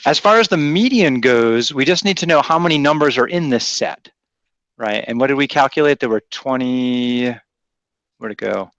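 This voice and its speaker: A math teacher from Rhode Island, USA, lectures his class at normal speed in an expressive, mid-range, fairly bright voice, teasing and chatting while thinking aloud. His Rhode Island accent is faint and mostly softened. There's no echo, though the highs are cut off.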